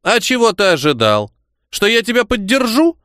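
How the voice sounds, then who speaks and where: A man's voice: sits high, very animated, normal speed, a bit bright, dry recording, clean studio sound, pitched above the performer's own voice. A man voicing a stern old grandmother who scolds her grandson in curt commands. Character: stern old grandmother, a retired chief surgeon.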